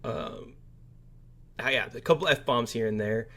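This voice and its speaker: A man with a mid-range, fairly bright voice co-hosts a casual movie discussion podcast at a measured pace. His chatter is informal and tentative, often trailing away.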